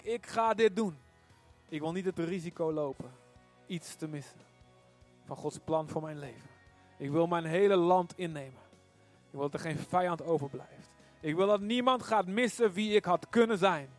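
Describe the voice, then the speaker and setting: A man preaching a sermon and leading a congregation in prayer, urgent and fervent, swinging from loud pleas to near whispers. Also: fairly high pitch. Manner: urgent, rising to fervent shouted prayer then dropping to murmurs. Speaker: pastor.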